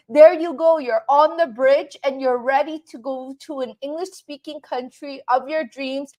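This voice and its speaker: A Canadian woman with a high voice teaches English in a live online class, speaking unhurriedly and repeatedly asking "right?" to check in with viewers.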